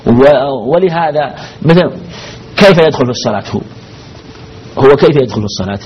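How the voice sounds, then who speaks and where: A man's voice: mid-range voice, lively intonation, fairly quick, a little mellow, husky. A man teaching a religious law lesson as a sheikh, asking his class questions and repeating the key phrases. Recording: dull lo-fi recording with faint noise.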